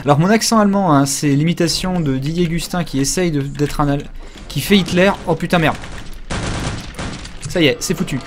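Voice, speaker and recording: A man's voice: on the high side, moderate pace, background noise. Crude, joking man streaming a game. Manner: rambling, crude and joking, many fillers. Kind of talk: casual live gameplay commentary.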